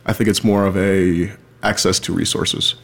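A man's voice: low-pitched, level tone, normal speed, vocal fry, fairly bright tone. A young man, a panelist in a discussion, giving brief, easygoing answers. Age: young adult. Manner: brief, easygoing, laughs often. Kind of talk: casual discussion.

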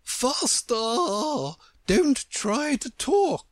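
Imperious Queen played by a man, piercingly high and drawn out, brisk commands with gracious condescension, storybook reading. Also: huge pitch swings, no echo, clean studio sound, heavily acted. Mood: urgent, commanding. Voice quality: shrill, swooping. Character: imperious brisk chess Queen, bossy yet politely condescending.

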